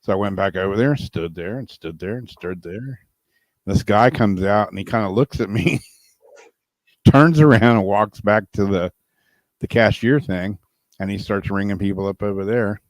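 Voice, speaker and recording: A man co-hosting a casual chat, telling a laid-back story, laughing often and letting his voice trail off quietly. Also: lowish voice, moderate pace, no room sound. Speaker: podcast co-host.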